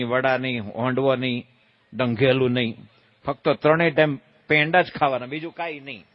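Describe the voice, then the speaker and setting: A swami with a mid-range voice gives a religious discourse built around stories, in a folksy, playful style. He asks his audience questions and does voices, and the dry recording has its highs cut off.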